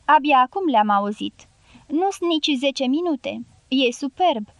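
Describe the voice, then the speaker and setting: A woman voicing an effusive middle-aged male correspondent who gushes with excitement in an audiobook. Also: sits high, no room sound, natural voice. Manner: effusive and gushing.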